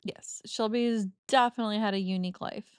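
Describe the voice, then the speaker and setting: Playing a cozy farming game, a woman gives casual let's-play commentary, giggly and self-mocking, her nose a little stuffy. She's a gaming streamer with a smooth, mid-range voice that talks fairly quickly with fairly even intonation, and there's no room sound.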